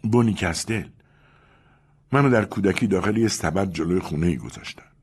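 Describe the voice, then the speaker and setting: A man's voice: low voice, darkish tone, husky. A man voicing a cunning young woman in an audiobook, defiant and pleading by turns. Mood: subdued. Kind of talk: audiobook character reading.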